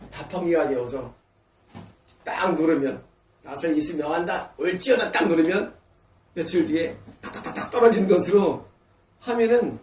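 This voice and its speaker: Recorded from a distance in a roomy church sanctuary, a pastor with a fairly high, darkish voice preaches an emphatic sermon. He acts out God and members of the congregation in brief quoted asides.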